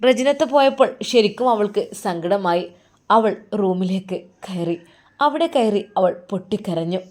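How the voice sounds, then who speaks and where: A woman narrating a family story in a plain, steady way. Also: medium pitch, moderate pace.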